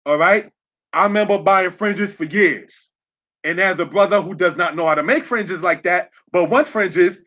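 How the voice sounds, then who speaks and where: Over a set of slides, a religious teacher delivers an online lesson in a high, slightly bright voice. He spells out words one letter at a time and asks "all right?" as he goes, all on dull, lo-fi audio.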